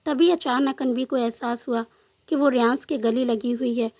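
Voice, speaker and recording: A woman narrating a romantic storybook in a steady, gentle reading voice. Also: a little high, normal speed, no echo.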